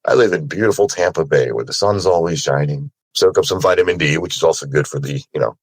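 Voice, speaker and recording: A voice actor on a panel, born in Sri Lanka and raised in America from childhood, talks about himself casually and candidly, often checking in with the listener. His very deep voice is husky and fast, with no echo but a rough recording.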